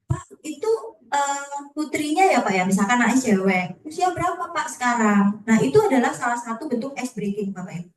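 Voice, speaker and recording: A woman sales trainer, casual and chatty, talking directly to her audience and tagging her phrases with "ya". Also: a little high. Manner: ends phrases with a questioning "ya". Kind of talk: training session talk. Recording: echoey room, far from the mic.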